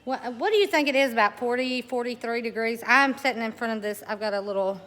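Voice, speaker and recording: A woman's voice: fairly high pitch, fast talker, fairly bright tone. A woman chatting casually in a rambling vlog, laughing often. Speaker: homesteading vlogger. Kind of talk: casual walk-and-talk vlog.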